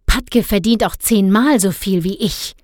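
A woman's voice: mid-range voice, expressive, a little slow, no echo, studio quality, close to an everyday voice. A woman voicing a grumpy, stingy middle-aged father who scolds and grumbles indignantly in a storybook reading. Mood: indignant grumbling.

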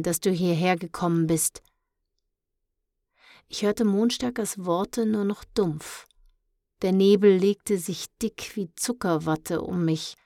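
A woman reading a children's story aloud in the first person, in a calm and measured way. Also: mid-range voice, no echo, studio quality. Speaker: audiobook reader.

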